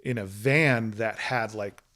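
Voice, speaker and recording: A man's voice: fairly low pitch, slow, fairly bright tone. A middle-aged man who owns an electrical business, chatting as an interview guest and telling work stories with an easygoing, rambling manner. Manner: easygoing storyteller, many fillers and restarts. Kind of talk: casual interview chat.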